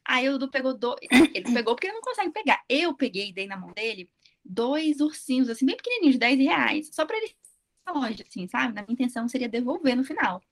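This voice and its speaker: A woman talks casually about outings with her toddler, quick and eager. Her voice is high and her pace rapid, and she pokes fun at herself as she goes. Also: sing-song. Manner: self-deprecating, eager storyteller. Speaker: mother of a toddler. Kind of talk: casual chat.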